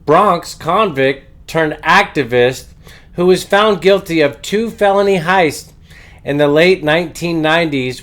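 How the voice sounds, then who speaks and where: Male political host, slightly high-pitched, unhurried, stuffed up with a head cold, halting news commentary with plenty of uhs.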